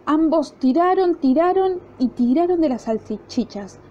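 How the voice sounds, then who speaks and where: An expressive woman with an Argentine accent reads a fairy tale aloud to children. Her voice is high and mellow. The recording sounds dull and lo-fi, with a faint hiss underneath. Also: unhurried. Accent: Argentine Spanish. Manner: lively, expressive reading. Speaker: teacher. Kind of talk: storybook read-aloud.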